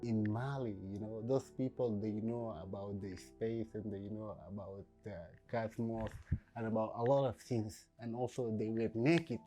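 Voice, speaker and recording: A man from Sudan, a painter talking in a documentary interview, reflective and halting, with many fillers. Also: fairly low pitch, steady tone, dark tone, faint music behind, rough recording.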